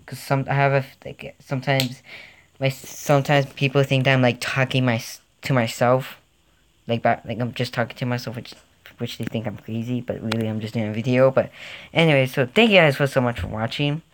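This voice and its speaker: Young guy rambling thru his tank game, gets hyped fast, jokey, home mic. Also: mid-range voice, slight background noise. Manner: rambling, easily excited, jokey. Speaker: gaming channel host. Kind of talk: excitable gameplay commentary.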